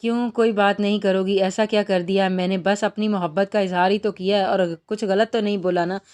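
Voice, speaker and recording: A woman's voice: mid-range voice, steady tone, a little fast, darkish tone, close to an everyday voice. A woman reading the part of a young army major who teases and sweet-talks the girl he loves. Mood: teasing. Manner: teasing, affectionate. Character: young man, an army major, tender and teasing lover.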